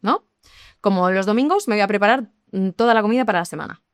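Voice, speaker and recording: Lively woman explaining. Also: mid-range voice, fast talker, no room sound, studio quality. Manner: lively, explanatory, addresses listeners directly. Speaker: English teacher. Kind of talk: podcast conversation.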